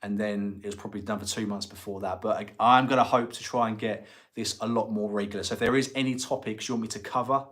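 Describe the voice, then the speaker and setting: A man with a fairly low voice and an Essex accent hosts a casual livestream. He talks in a chatty, colloquial way, as if answering viewers directly. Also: steady tone, fast, fairly bright tone. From Essex, England. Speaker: livestream host and estate agent.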